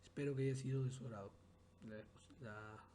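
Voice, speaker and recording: Mellow-voiced man giving a lecture. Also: mid-range voice, steady tone, normal speed, slight background noise. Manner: explanatory, repeats and restarts phrases. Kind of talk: recorded class lecture.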